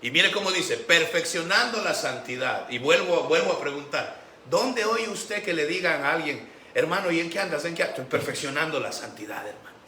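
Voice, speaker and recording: A man preaching a Sunday sermon as pastor, animated, acting out the voices he quotes. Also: on the high side, normal speed. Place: church sanctuary. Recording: echoey church room with faint background noise.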